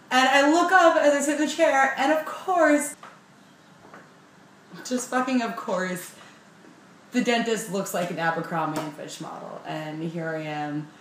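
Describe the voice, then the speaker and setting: A young woman tells a story in a casual vlog, animated and freely swearing, often poking fun at herself. Her mid-pitched voice sounds roomy, with a faint hum of ambience behind her. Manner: animated, profane, self-mocking. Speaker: vlogger.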